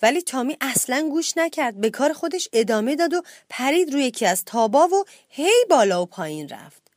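A woman's voice: no echo, clean studio sound. Woman reading a bedtime story. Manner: expressive reading, lifts pitch for children's shouts.

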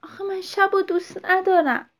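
A woman's voice: extremely high pitch, a bit bright, voice pushed up. A woman voicing an eager, blunt young male owl in a children's story, talking in an earnest, insistent way.

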